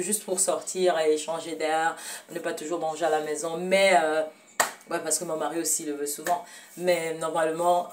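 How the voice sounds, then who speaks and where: This cooking show host is a Cameroonian woman whose accent is Cameroonian French, demonstrating home cooking casually in her own kitchen. Her pitch is fairly low, the mic is distant, and there's a faint hiss or hum. She speaks with hesitation, many fillers and self-corrections, and a fond tone toward her audience.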